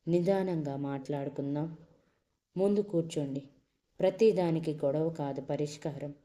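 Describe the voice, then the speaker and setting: A woman voicing a serious, level-headed young man who tries to calm his family in an audio story. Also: low voice, close to an everyday voice. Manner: serious, measured.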